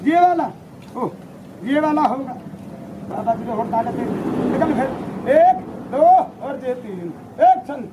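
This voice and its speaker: High-voiced rowdy street performer man. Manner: rowdy, teasing, voices several characters. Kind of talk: street show patter to a crowd. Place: outdoors on a busy street. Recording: noisy outdoor crowd recording.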